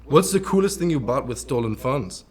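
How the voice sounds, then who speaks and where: A man's voice: medium pitch, animated, normal speed, husky. A man from France interviewing a guest in a casual chat, teasing and provocative as he reads out crude audience questions.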